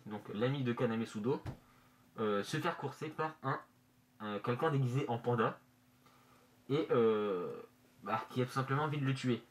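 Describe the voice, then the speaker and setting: A man presenting casually in a halting, hesitant way, his voice slightly muffled through a face mask in a bedroom. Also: medium pitch. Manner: hesitant, halting, searching for words. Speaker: manga review vlogger. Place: bedroom, indoors. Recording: noisy amateur room recording.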